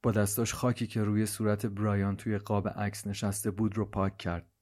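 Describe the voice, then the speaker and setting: Low-voiced guy narrating a story, slow and hushed, measured. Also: little pitch movement. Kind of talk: scripted narration.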